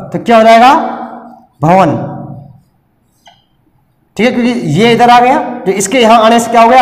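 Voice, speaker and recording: A man with a Rajasthani Hindi accent teaching a grammar lesson, explaining step by step and often checking that the class follows. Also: very high-pitched. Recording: echoey room with long reverb.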